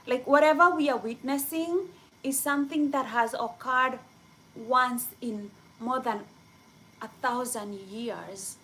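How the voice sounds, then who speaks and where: A young woman from Kenya chatting casually with viewers on a livestream, rambling excitedly with many fillers. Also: sits high, takes it slowly, slight background noise, poor audio. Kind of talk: casual live chat.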